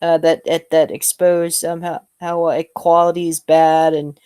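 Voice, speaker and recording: Slow, halting woman podcast host. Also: low-pitched, flat delivery, warm tone, smooth, no room sound. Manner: hesitant, many fillers and restarts. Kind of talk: casual podcast chat.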